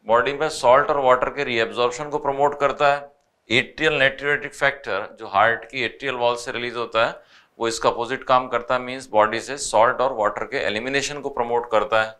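A man with an Indian accent, a biology teacher going over test answers, mixing Hindi with English and reading questions out slowly. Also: medium pitch, bright, forceful tone. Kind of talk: explaining test solutions.

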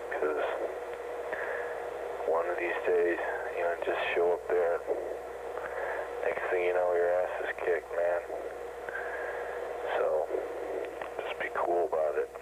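A man leaving a rambling, laid-back voicemail on an answering machine in a slow drawl. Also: low-pitched, completely flat delivery, highs cut off, heavy background noise.

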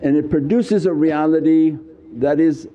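Speaking into a small mic on a stand in front of him, an older religious teacher delivers a spiritual lecture in a high-ish, mellow, unhurried voice, and the sound is lo-fi. He sits indoors on an ornate couch before curtains and uses emphatic gestures.

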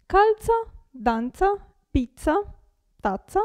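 A young woman with a native Italian accent gives a pronunciation lesson, speaking at a very slow, deliberate pace. Her voice sits high but sounds mellow, and she repeats each example word with careful articulation. The recording is dry and close. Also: sing-song, no room sound. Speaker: Italian teacher.

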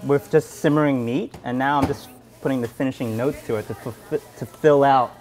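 A man's voice: medium pitch, fairly quick. Young man chatting loosely about cooking. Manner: relaxed, rambling, filler-heavy. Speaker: home cook hosting a dinner party. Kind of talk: casual documentary talk.

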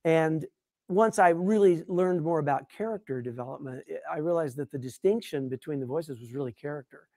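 A man's voice: on the high side, a little fast, dry recording, clean studio sound. A middle-aged man, a guest puppeteer, chatting casually in an interview and telling stories animatedly, with frequent restarts. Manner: animated, self-deprecating storyteller with frequent restarts.

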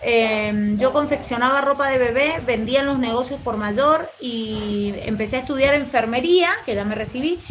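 Woman, Mendoza Argentine accent, high-pitched, affectionate livestream chatter. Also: moderate pace, hardly any pauses, a little hiss or hum, low-quality recording. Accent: Mendoza Argentine Spanish. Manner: chatty, affectionate, rambling with fillers. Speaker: vlogger reading live chat. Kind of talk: live stream chat.

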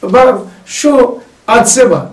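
A man with a very high voice leads an informal religious lesson, chatting and telling anecdotes to his group. He is recorded from a distance in a roomy, echoing space. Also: sing-song, slow. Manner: chatty, storytelling, asks the group questions. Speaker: religious study circle leader. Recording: echoey room, mic far off.

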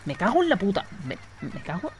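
A woman's voice: medium pitch, huge pitch swings, brisk, slight background noise. A woman chatting casually and swearing freely as she streams a video game. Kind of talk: casual live gameplay commentary.

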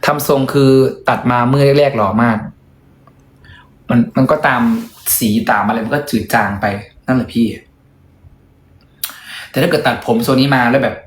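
A young man chats away in a casual vlog, joking and poking fun at himself. His voice sits at a middling pitch and echoes around a roomy hotel room. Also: moderate pace, pauses often. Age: young adult. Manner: chatty, joking, self-deprecating. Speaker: vlogger and singer.

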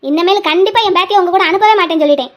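A fierce, stubborn village grandmother, played by a woman snaps out her words at a quick clip. The voice sits very high, and she scolds with total certainty. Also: a bit bright. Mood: stern. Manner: firm, scolding, rapid delivery. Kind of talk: hobby drama dialogue.

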